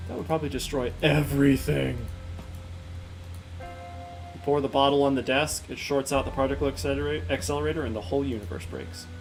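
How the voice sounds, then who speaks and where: Man, game player, wry musing asides, casual chat, soft music behind. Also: mid-range voice, fairly even intonation, brisk, vocal fry, rough recording. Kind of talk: casual let's-play chat.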